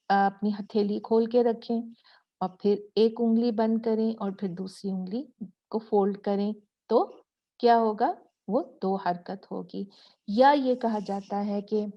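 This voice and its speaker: A woman teaching recitation rules, speaking very slowly and patiently. Her voice sits a little high. She stretches out syllables for learners to repeat. The recording sounds dull and lo-fi. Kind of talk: slow explanatory lesson.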